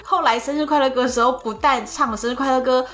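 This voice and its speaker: A woman with a Taiwanese Mandarin accent hosting a podcast, telling a story in lively casual chat and laughing often. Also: sits high, fast. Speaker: podcast host.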